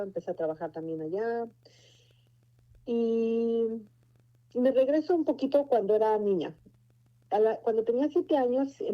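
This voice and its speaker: A Mexican woman in her forties giving a personal faith testimony, telling her story in an earnest, meandering way. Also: mid-range voice. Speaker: testimony speaker. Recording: muffled lo-fi recording.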